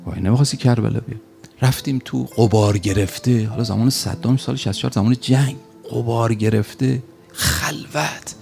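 A man telling a religious story as a preacher, animated and pausing for effect. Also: mid-range voice, vocal fry, faint music behind.

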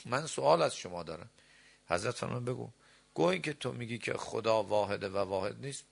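A middle-aged man preaching a sermon, reciting verses and scripture and then explaining them, moving between slow deliberate phrases and quick asides. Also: mid-range voice, a bit bright. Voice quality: gravelly.

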